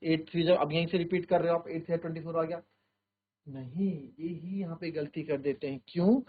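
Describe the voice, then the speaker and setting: A man teaching a maths class in Hindi mixed with English, explaining step by step, counting aloud and asking if things are clear. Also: fairly high pitch, fairly even intonation, a little fast, narrow, tinny audio. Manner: voices students' doubts himself and answers them. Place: virtual classroom studio.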